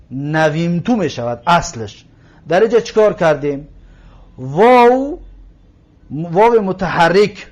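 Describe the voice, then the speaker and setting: Man, grammar teacher, slightly high voice, repeats words patiently, muffled lo-fi sound. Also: a little mellow. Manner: explains slowly, repeats words, checks the listener. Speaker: Arabic teacher. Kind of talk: grammar lesson. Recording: dull lo-fi recording.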